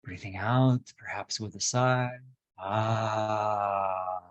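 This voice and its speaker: The recording cuts off the highs as a low-voiced male teacher leads meditation, speaking in measured, deliberate phrases with extended pauses.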